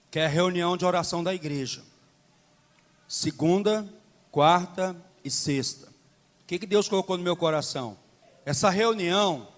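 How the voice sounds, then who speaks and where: Guy preaching hard in a church hall, really high voice, lots of reverb and soft music behind. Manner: impassioned, emphatic repetition. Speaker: pastor. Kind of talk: sermon.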